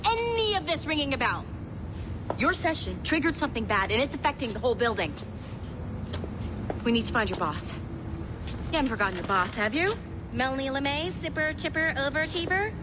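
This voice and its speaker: A brisk female tech colleague in a video game. Her voice is high, her delivery wry and impatient. Loud ambient noise sits behind her. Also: animated. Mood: wry, urgent. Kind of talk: video game character dialogue.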